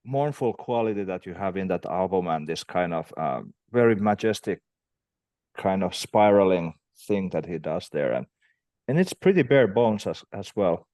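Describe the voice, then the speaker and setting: A man in a casual conversation about music, enthusiastic and halting, with frequent restarts. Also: sits low, lively intonation, a little mellow, no room sound. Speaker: interviewer, band member.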